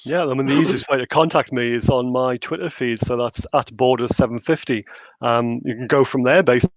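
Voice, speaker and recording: Middle-aged man, educated northumberland accent, measured casual chat, bit of a muffled call sound, dry. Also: mid-range voice, fairly even intonation, no echo. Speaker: interview guest, researcher and author. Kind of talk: casual livestream conversation. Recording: slightly dull, band-limited call audio.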